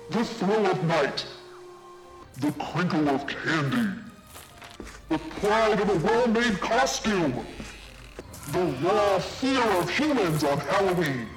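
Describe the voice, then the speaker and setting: A performer voicing a mysterious rebel radio broadcaster whose voice comes through a voice changer, making slow, dramatic pronouncements. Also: male voice, high voice, very animated, reverberant, far from the mic, over music, heavily acted, poor audio. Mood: solemn. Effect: voice changer over a town-wide radio broadcast. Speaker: secret radio announcer.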